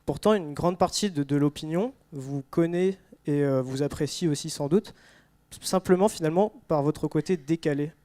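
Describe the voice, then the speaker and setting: A man's voice: a little high, normal speed, mellow. A man interviewing a guest at a conference, asking long questions with frequent hesitation. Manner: hesitant, with many fillers and restarts.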